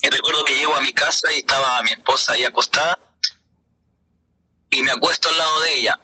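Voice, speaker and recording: A middle-aged man, a pastor, telling his personal faith testimony in an earnest, halting way with many hesitations. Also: fairly high pitch, steady tone, sharp tone, husky, rough recording.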